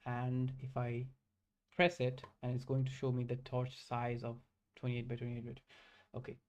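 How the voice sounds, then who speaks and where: Young man, mid-pitched, live-coding and thinking aloud, stop-start delivery full of fillers. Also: monotone. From Bangladesh. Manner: halting, self-correcting, many fillers.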